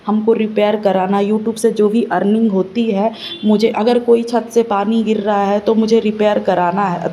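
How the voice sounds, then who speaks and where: A woman's voice: on the high side, warm tone. A woman reaction vlogger talking to her viewers in casual commentary, chatty and scolding by turns.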